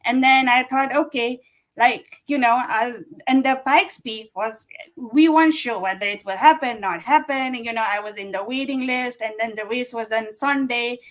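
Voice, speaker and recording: Rambling and filling her speech with plenty of fillers, a Nepali woman in her forties talks casually as a guest runner in an interview. She speaks at a normal speed in a slightly high voice, and the recording is rough.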